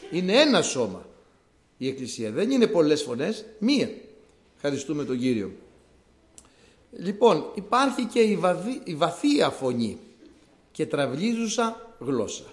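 A man's voice: fairly high pitch, very animated, pauses often, reverberant. A man preaching a sermon to his congregation, explaining scripture conversationally and repeating key words for emphasis.

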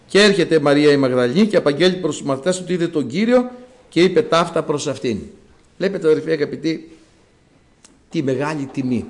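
A man preaching a sermon, telling a story and shifting between loud exclamations and soft asides. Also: medium pitch.

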